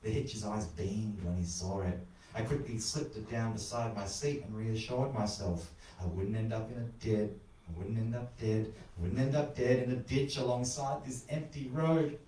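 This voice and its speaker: A man narrating a macabre short story in an animated, wry, crude style, recorded in an echoey room away from the mic. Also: lowish voice, moderate pace, distant mic. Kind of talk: dramatic spoken horror narration.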